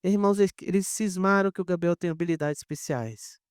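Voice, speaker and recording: A man's voice: high-pitched, brisk, clean tone, dry recording, studio quality. A man with a Brazilian accent preaching a conversational sermon, speaking straight to the congregation and acting out the people in his stories. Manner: animated storyteller, addresses the congregation directly; acts out quoted dialogue. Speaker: pastor.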